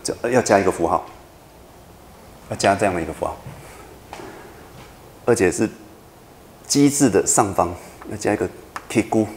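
Guy teaching a class, slightly low voice, keeps asking if everyone gets it, echoey room w/ faint hum. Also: animated, normal speed, long pauses, darkish tone. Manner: patient, repetitive explaining with frequent checking questions. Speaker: university lecturer. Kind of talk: classroom lecture. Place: university classroom.

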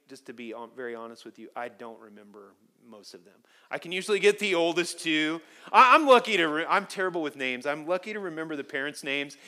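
A man preaching a sermon as pastor, telling stories with animated swings from quiet asides to loud emphasis. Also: on the high side. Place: church sanctuary.

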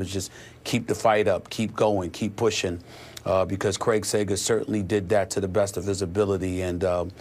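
Earnest low-voiced man on sports talk. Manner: earnest, reflective, with frequent restarts. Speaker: sports talk show host. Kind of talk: conversational sports talk tribute.

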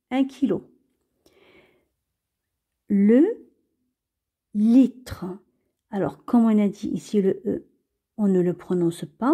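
Patiently repeating and spelling out each word, a woman gives a slow French reading lesson to beginners. Her voice is mid-range, dark in tone, and husky.

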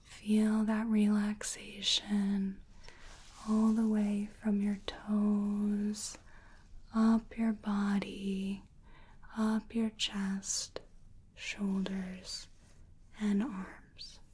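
A woman in her twenties in a whispered role-play as a soothing clinician, giving slow, breathy relaxation instructions up close. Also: medium pitch, monotone, a little mellow, a little hiss or hum. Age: 20s. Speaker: ASMR performer playing a sleep clinician.

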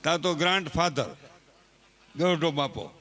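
A man's voice: fairly high pitch, expressive, unhurried, sharp tone. A man telling humorous folk stories to a live audience in a chatty, teasing way. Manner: chatty, teasing and full of homely sayings. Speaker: folk speaker.

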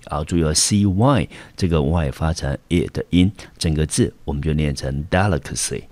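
A man's voice: rumbling low, moderate pace, a little mellow, no echo. A man teaching an English vocabulary lesson, explaining pronunciation and example sentences step by step. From Taiwan. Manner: explains step by step, often starting with "好". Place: school teaching studio.

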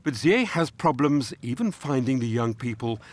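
A man giving measured, scripted documentary narration. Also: medium pitch, expressive.

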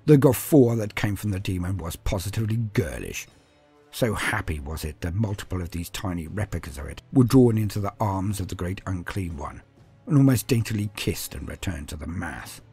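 A man with a deep, mellow, slightly rough voice tells a first-person story as a grim armoured space marine recounting battle. His heavily acted delivery is solemn, martial and disdainful, with lively intonation at normal speed and faint music behind him.

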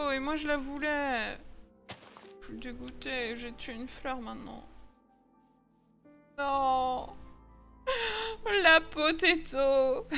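A young woman commenting on her Minecraft game in a chatty, excitable way, often laughing and squealing. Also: fairly high pitch. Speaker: gaming video host. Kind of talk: Minecraft let's play commentary. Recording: faint music underneath. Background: faint background music.

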